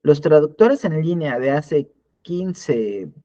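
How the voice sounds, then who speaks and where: A man's voice: a little high, lively intonation, slow pace, mellow, highs cut off. A man teaching a live online class in a conversational way, often restarting and repeating words. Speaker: instructor.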